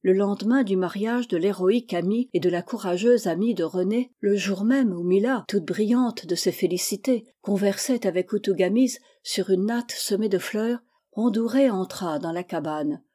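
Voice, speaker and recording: A woman narrating a classic novel as an audiobook reader, measured and expressive. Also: mid-range voice.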